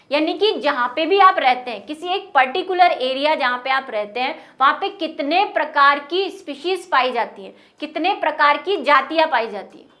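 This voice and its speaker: A woman's voice: high voice, sharp tone. A young woman teaching a biology lesson, explaining step by step and asking her students frequent rhetorical questions. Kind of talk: classroom lecture.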